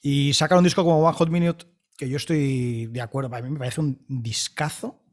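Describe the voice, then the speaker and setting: A man's voice: mid-range voice, fairly even intonation, normal speed. A man, debating music in an emphatic, enthusiastic way, often repeating words. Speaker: panelist.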